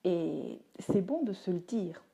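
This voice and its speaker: Her voice is low, creaky, and mellow, and though she's animated she takes things slowly. On a phone or webcam livestream, this teacher and parenting speaker chats casually with viewers, replying to their comments with frequent fillers.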